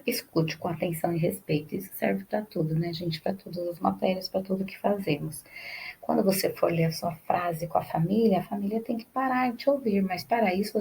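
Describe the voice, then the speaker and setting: Woman teacher, dark mellow voice. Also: mid-range voice, creaky, rough recording. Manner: frequent checks like "tá bom?" and "né?"; explains step by step, repeating phrases. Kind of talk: remote class lesson.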